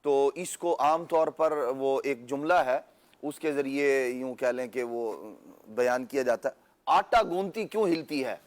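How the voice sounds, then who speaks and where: A man's voice: mid-range voice, steady tone. A man on a talk show, jokingly pushing back and citing proverbs. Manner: playful, cites proverbs. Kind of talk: conversational discussion.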